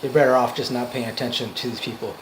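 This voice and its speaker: A man giving an off-the-cuff motivational monologue, earnest and emphatic, in halting phrases that repeat for emphasis. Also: mid-range voice, steady tone, slight background noise, poor audio. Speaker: amateur motivational speaker.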